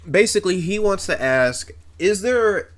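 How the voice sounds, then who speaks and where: A man in his twenties hosting a casual podcast interview, relaxed, reading out listener questions haltingly. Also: sits high. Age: 20s. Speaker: podcast host.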